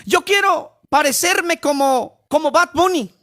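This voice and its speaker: A man's voice: very high voice, animated, measured pace, pushed and bright, voice pushed up, exaggerated voice. A male preacher voicing a starstruck young man who pleads to dress and look like famous idols. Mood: eager.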